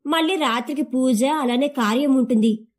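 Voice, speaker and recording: A woman's voice: high voice, moderate pace. A woman voicing a kind, affectionate older mother-in-law of a wealthy household. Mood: tender. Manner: gentle, affectionate.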